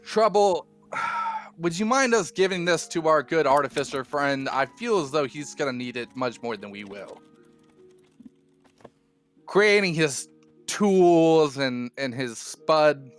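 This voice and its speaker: A man's voice: on the high side, slow pace, soft background music. A man playing a tabletop game, chatting casually and pleading in character. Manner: lively, in-character persuasive. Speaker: player.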